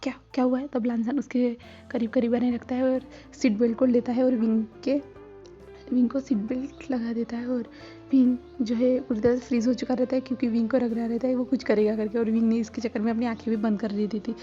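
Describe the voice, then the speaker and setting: A woman casually retelling a story in a plain, even way. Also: on the high side, brisk. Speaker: story narrator. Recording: slightly dull with soft music.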